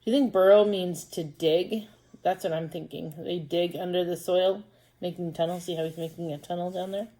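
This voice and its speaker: Sounding out syllables for a class of first graders, this woman teacher stays patient and steady. Her lowish voice is warm and moves at a normal pace.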